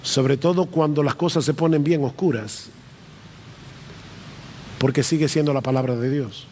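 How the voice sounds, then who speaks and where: A man with a high voice preaches from the pulpit, stressing his points by repeating them. His words ring out with a long reverb, as in a large church hall. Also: moderate pace, a little mellow, a little hiss or hum. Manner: emphatic, repeats key phrases for stress. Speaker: pastor. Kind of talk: preaching a sermon.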